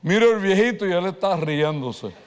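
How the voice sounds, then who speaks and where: A man preaching a sermon, telling a personal story with animated delivery and slipping in English words. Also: sits high, normal speed, smooth. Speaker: pastor. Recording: reverberant hall.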